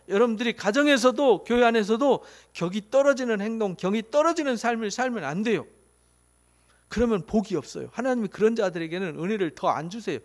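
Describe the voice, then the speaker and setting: A male pastor with a notably high voice preaches to his congregation. He presses his points with rhetorical questions and animated emphasis, then sinks into hushed asides. His delivery sounds middle-aged and earnest. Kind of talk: sermon.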